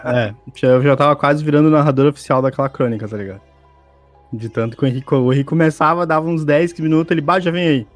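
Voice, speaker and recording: A man's voice: on the high side, fast talker, dry recording, faint music behind. A man telling a tabletop game anecdote in casual chat, acting out the characters and laughing as he goes. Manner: animated, acts out guards shouting with laughter. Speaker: podcast guest.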